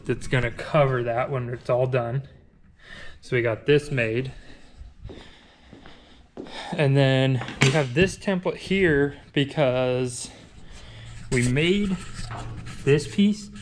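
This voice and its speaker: Guy in a garage talking shop, easygoing, um-ing a lot, bit of hiss behind. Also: mid-range voice. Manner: relaxed, with frequent fillers and restarts. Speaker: garage vlogger. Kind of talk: casual walkthrough narration. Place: body shop and home garage.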